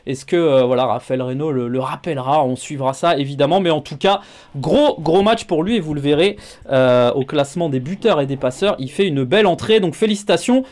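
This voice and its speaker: A man's voice: on the high side, brisk, darkish tone. A man hosting a sports show, chatting casually with many filler sounds and asking his guest questions. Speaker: show host.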